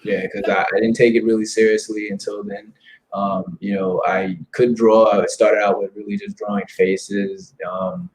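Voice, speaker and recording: Low-voiced guy in his 30s, chill and friendly, chuckles a lot. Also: normal speed, rough recording. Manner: laughs easily, relaxed and friendly. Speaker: guest comic creator. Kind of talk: casual interview chat.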